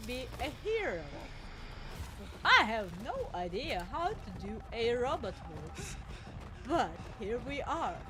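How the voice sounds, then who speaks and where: A woman streamer doing a stiff robot voice while commenting on a game, with flat, formal machine-like phrasing. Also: sits high, full character voice.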